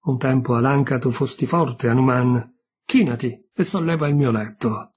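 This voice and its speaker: A man's voice: mid-range voice, moderate pace, breathy edge, natural voice. A man reading aloud as a stern, vengeful mother river goddess in a storybook tale.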